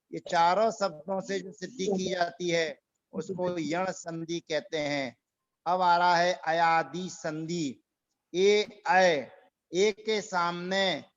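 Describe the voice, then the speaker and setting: A man teaching a Sanskrit grammar class online, reciting rules slowly and repeating them for the students. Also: high voice, highs cut off. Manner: slow, repeats rules and drills pronunciation.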